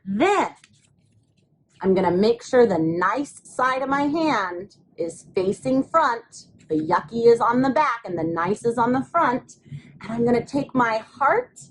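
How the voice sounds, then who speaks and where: Slightly slow and animated, this woman's fairly high voice leads young children patiently through a craft, one step at a time. As an elementary school craft teacher, she keeps things simple, repeats phrases and poses little questions, with slight background noise audible.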